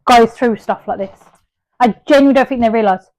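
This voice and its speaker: Woman, podcast co-host, high and chatty, dry close sound. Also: a little fast, dry recording, rough recording. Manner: chatty and animated, jumps in with questions and tangents. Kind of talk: casual chat.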